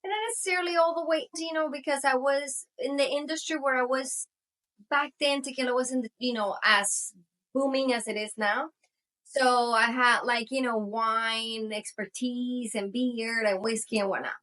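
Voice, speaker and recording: A Venezuelan-born woman in her forties, a native Spanish speaker and co-founder of a tequila brand, tells her story casually as an interview guest. She rambles, fills her speech with "you know," and laughs often and lightly. Her fairly high, fairly bright voice stays steady at a normal speed.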